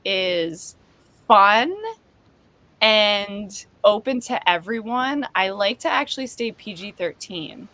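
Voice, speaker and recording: A woman, chatting as a comedian guest in an interview, bursting with enthusiasm. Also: mid-range voice. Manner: excitable, quick bursts of enthusiasm. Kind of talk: casual interview chat.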